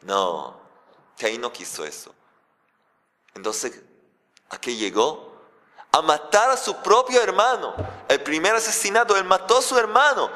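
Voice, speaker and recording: Animated preaching man in a reverberant hall. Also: sits high, unhurried, pauses often. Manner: animated preaching, rhetorical questions. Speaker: rabbi. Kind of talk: sermon.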